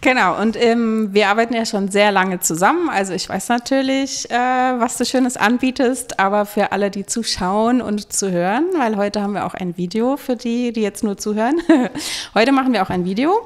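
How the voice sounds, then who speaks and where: A woman's voice: fairly high pitch, moderate pace. A woman hosting a wedding podcast, chatting in an upbeat, laughing way. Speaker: podcast host, wedding planner.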